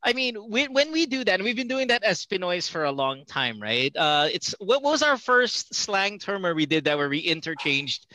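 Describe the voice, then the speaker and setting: A man's voice: high-pitched, big pitch swings, normal speed, hardly any pauses, bright, forceful tone. A man co-hosting a casual panel, joking and rambling as he teases the others. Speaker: talk show co-host.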